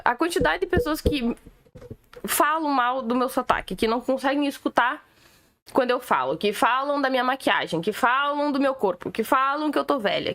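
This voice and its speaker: A woman's voice: sits high, fairly bright tone. A woman with a Gaúcho accent from southern Brazil, ranting sarcastically and opinionatedly as a political commentator on a live stream. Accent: Gaúcho Brazilian Portuguese. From Rio Grande do Sul, Brazil. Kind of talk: casual livestream rant.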